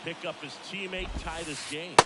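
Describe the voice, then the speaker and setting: A man playing a brisk, focused play-by-play baseball announcer in sports game commentary. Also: a little high, fairly even intonation, lightly acted. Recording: loud stadium noise behind. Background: stadium ambience.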